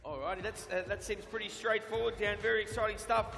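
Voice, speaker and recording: A man's voice: high-pitched, steady tone, fast, gravelly, sharp tone, slight background noise. An Australian man working as an upbeat event MC and commentator, hyping up the crowd at a live sports event. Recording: echoey PA in large event venue.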